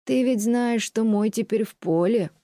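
A woman voicing a lonely, fretful old landowner lady who scolds in a slow, plaintive way, as an audiobook reading. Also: fairly high pitch, dark tone, dry recording, clean studio sound, pitched above the performer's own voice, natural voice. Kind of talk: audiobook reading of classic prose.

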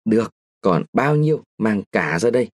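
A man's voice: fairly low pitch, lively intonation, normal speed, breathy edge, dry recording, clean studio sound. A man playing a lecherous young soldier in a read-aloud story, speaking in a brash, bossy way. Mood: smooth-talking.

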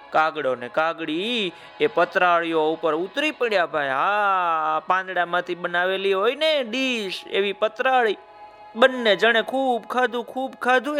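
A man telling a children's story, warmly addressing young listeners by name and adding asides. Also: high-pitched.

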